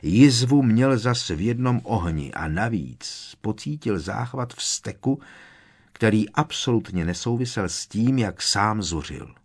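A man narrating an audiobook with a lively, expressive reading. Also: fairly low pitch, husky.

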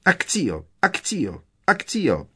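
A man voicing a stern, scolding middle-aged witch mother with a shrill, sharp manner. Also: natural voice. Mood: angry scolding.

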